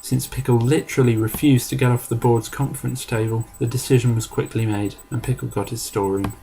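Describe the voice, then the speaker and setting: Man narrating a story in a measured voice. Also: mid-range voice, fairly even intonation, vocal fry, mellow, slight background noise, rough recording. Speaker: story reader.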